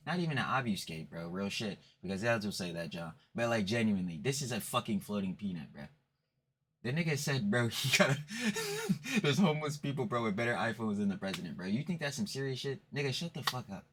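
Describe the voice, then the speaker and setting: A man's voice: medium pitch, slightly rough. A man hosting a casual reaction video, laid-back and slang-heavy, swearing freely and often laughing. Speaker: reaction host.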